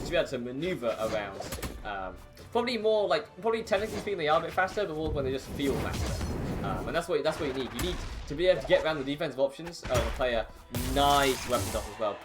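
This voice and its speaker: A man doing fighting game play-by-play as a tournament commentator, casual and hesitant, often repeating himself mid-phrase. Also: medium pitch. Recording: game music behind the voice. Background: game music.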